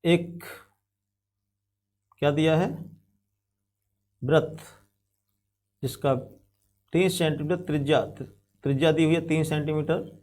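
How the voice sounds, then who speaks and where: A man's voice: on the high side, fairly even intonation, slow pace, pauses often, darkish tone. A man teaching a school geometry lesson step by step, repeating key phrases and addressing students as his children. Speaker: math teacher. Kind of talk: classroom lesson on geometry constructions.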